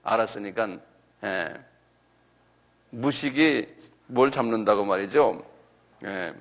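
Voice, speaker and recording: Slow-spoken man giving a church lecture. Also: fairly high pitch, animated, fairly bright tone, a little hiss or hum. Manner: slow, repetitive, asks the audience questions; spells out and repeats foreign names. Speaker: lecturer on creationism.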